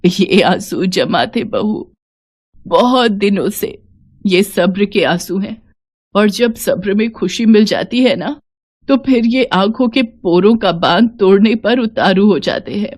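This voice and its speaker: Savitri, a woman doing a gentle old mother-in-law. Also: low-pitched, unhurried, voice pushed down. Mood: tearful joy. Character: elderly kind mother-in-law, patient and loving.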